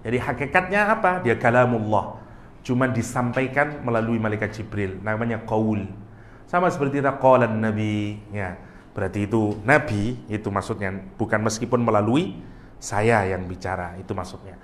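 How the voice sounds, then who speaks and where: A man teaching a relaxed religious study session, explaining with everyday comparisons, stumbling over and restarting words, chuckling at his own jokes. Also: fairly low pitch, moderate pace, reverberant, a little hiss or hum.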